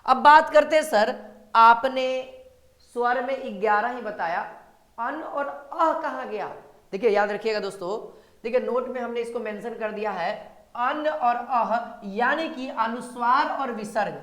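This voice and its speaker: A woman's voice: fairly high pitch, a little slow, a bit bright. A woman teaching a grammar lesson for exam prep, often repeating her points and calling viewers sir and brother. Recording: echoey room.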